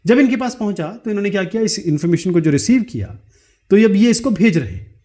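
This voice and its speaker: A man's voice: sits high, very animated, fast, mellow. A man teaching an explanatory lecture, checking in with frequent "right?" tag questions and mixing English terms into his explanations. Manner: spells out ideas with step-by-step everyday examples.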